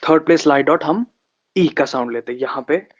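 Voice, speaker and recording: A man teaching shorthand in an online class, slowly repeating vowel sounds and example words. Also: fairly high pitch. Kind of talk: online lesson. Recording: slightly dull, lo-fi sound.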